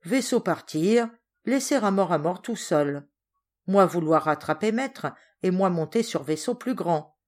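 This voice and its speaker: A woman doing a booming, hearty sailor man. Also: lively intonation, measured pace, darkish tone. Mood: loud, storytelling. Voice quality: broken pidgin French, booming. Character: burly sailor man in his forties, hearty and blunt.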